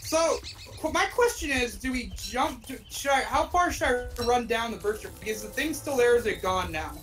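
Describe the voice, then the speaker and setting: A young adult woman chatting casually while playing a co-op game, excitable one moment and apologetic the next. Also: on the high side, rough recording. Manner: excitable and apologetic, quick bursts. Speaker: co-op game player. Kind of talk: casual gaming chat.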